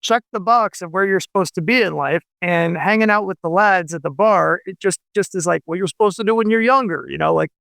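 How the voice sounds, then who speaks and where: A man's voice: high-pitched, fairly quick, vocal fry, few pauses, a bit bright, dry recording. A man in his forties, a novelist guest on a radio show, talking in a rambling way with many fillers and restarts. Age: 40s. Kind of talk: casual radio interview chat.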